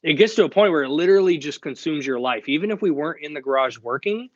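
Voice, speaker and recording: A man's voice: on the high side, animated, fast, no room sound, muffled recording. A young man hosting a live online Q&A, talking casually and directly. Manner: casual and direct, chatty with fillers. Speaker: host of a live Q&A stream.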